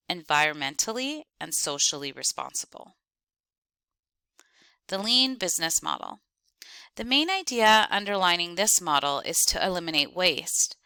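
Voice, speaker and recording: A woman lecturing on accounting, reading out terms, definitions and lists in clipped, deliberate steps. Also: on the low side, bright, forceful tone, clear, resonant tone, no echo. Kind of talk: reading lecture slides aloud.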